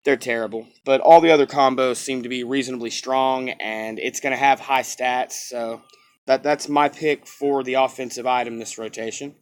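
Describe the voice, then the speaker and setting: A man's voice: medium pitch, fairly even intonation, normal speed, clear, resonant tone. Man giving casual, opinionated game commentary. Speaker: game reviewer commenting on new cards. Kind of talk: casual off-the-cuff review commentary.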